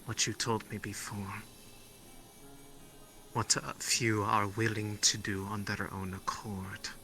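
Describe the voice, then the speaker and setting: A man playing a hushed spirit interpreter. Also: on the low side, level tone, takes it slowly, heavily acted. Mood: guiding. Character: guide who interprets the spirits' voices. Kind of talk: in-character roleplay.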